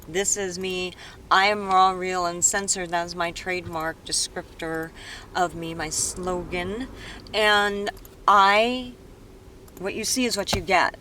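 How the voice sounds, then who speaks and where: A woman vlogs from an indoor room, speaking without a script in a somewhat low voice. She is earnest and rambling, often breaking off mid-thought and starting again. Loud street noise drifts in through an open window behind her. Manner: earnest, rambling, with many restarts. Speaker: dance vlogger. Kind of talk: unscripted vlog monologue.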